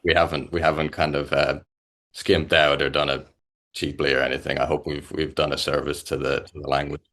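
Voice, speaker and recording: A young musician from Ireland, interviewed as a guest, has a very deep, slightly bright voice with little pitch movement. His casual answers come haltingly, broken up by lots of fillers and restarts.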